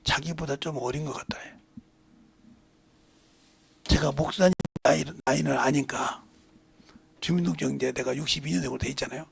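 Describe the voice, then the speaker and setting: Older guy preaching, real gravelly and husky, goes quiet then loud, kinda high voice. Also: steady tone, quick pace, a little hiss or hum. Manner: swings between hushed asides and loud emphatic preaching. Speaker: pastor. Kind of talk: sermon.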